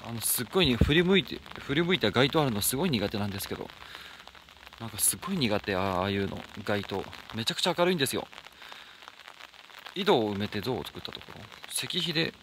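A man live-streaming outdoors at night in the rain, chatting casually, thanking and answering viewer comments, and breaking into soft high squeals. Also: sing-song, quick pace, slight background noise.

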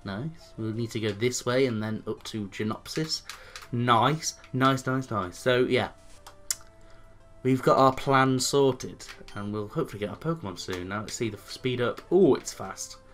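Crude, rambling gamer. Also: male voice, medium pitch, unhurried, a bit bright, faint music behind. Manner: rambling, crude, self-mocking asides. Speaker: let's play host. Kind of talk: casual game commentary.

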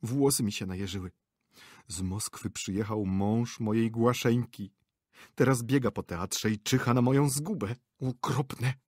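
A man's voice: medium pitch, measured pace, a little mellow, dry recording, studio quality, close to an everyday voice. A man doing a lisping, trembling old director. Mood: pleading. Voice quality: lisping whisper. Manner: pleading, trembling, sobbing. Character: old bald male theatre director, cowardly and trembling.

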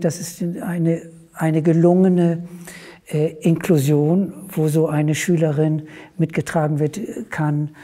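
Male guest with a husky, soft-toned voice, musing through examples. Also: a little high. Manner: anecdotal, thinking aloud. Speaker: discussion guest. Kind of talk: academic discussion.

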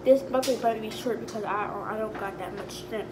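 A woman's voice: mid-range voice, fairly quick. Young woman's mukbang eating chat, clattering kitchen noise. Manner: talks while eating, in short casual remarks. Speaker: mukbang vlogger. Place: home kitchen, indoors. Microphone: phone propped on the table. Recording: clattering dishes, noisy home kitchen.

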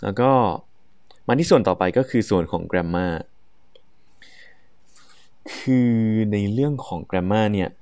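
Low gravelly Thai male teacher. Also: expressive, darkish tone, no echo. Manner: reads English descriptors slowly, chats quickly in between. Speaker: IELTS speaking teacher. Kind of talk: explaining exam band scores.

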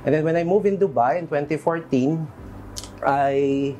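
A man's voice: on the high side, moderate pace, dark tone, a little hiss or hum. A man in his thirties with a Filipino accent, an interview guest who mixes English and Filipino, speaking earnestly with frequent restarts. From Philippines. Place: bright studio room, seated on a sofa. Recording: music bed under the voice.

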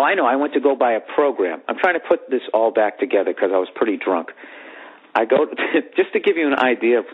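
A man hosting a podcast, telling a profane, rambling comic story in a lively way from his bedroom. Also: mid-range voice. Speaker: podcast host. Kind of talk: comedic storytelling monologue. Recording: phone-like lo-fi audio.

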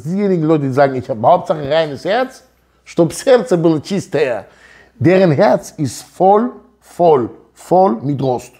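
Animated, husky-voiced man giving a Torah talk. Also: a little high. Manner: emphatic, gesturing, rhetorical questions, mixes Hebrew words. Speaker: Torah teacher. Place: office room with wooden wall. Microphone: lapel mic.

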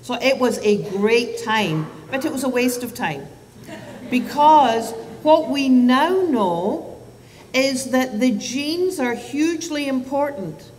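A Scottish physician in her sixties gives an animated public talk to parents from a lectern microphone in a lecture hall, gesturing with both hands and asking the audience questions. Her voice is high. The sound is roomy and distant, typical of a hall.

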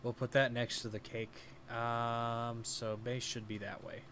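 A man's voice: medium pitch, little pitch movement, unhurried, fairly bright tone. A young man with a mid-range voice chats through his gameplay as he plays, explaining every step aloud to his audience. The recording was made on a home desk mic and carries a faint background hiss. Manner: chatty, talks through each step aloud. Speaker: let's play host. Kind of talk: casual gameplay commentary.

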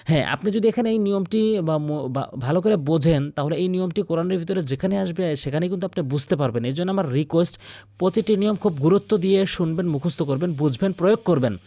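A man with a Bangladeshi Bengali accent teaching tajweed, his voice a little higher than most men's. He explains each rule slowly and repeats himself. The sound is close and dry, with no room around it. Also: mellow, no echo. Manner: explains slowly, then chants verses long and high; repeats instructions and appeals for likes. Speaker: Quran recitation teacher. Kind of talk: tajweed lesson with chanted recitation.

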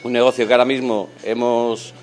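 A man's voice: medium pitch, little pitch movement, fairly quick, faint music behind. A man in his thirties, a restaurant manager, answering interview questions in a restaurant dining room, speaking earnestly with frequent fillers and restarts into a handheld mic. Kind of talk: on-camera interview. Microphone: handheld mic held by interviewer.

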